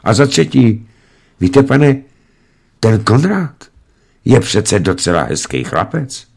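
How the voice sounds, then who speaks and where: A man performs a centuries-old, calm female servant for a storybook audiobook, using an exaggerated, very animated voice that is mid-range, creaky, darkish, and slightly rough. Her speech comes out folksy and colloquial, unhurried and composed, with a calm, chatty mood.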